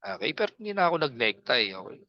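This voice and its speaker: A man's voice: medium pitch, sing-song, fast, lo-fi sound. A man coaching public speaking in a casual online class, joking and teasing his students, talking into a laptop from a nipa hut on his farm. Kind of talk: casual online training talk. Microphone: laptop on a video call.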